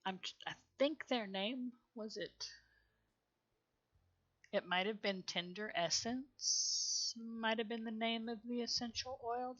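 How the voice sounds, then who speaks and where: Slow-talking Southern woman streamer, bright voice. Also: mid-range voice, dull audio. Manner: chatty, rambling, mutters to herself, laughs often. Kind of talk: casual gameplay commentary.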